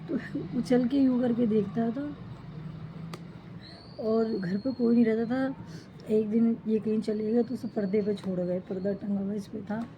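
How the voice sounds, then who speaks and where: A woman's voice: fairly high pitch, fairly even intonation, measured pace, lo-fi sound, background noise. A middle-aged woman, a mother grieving for a lost pet, talking in short, broken phrases. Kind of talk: emotional personal account to camera.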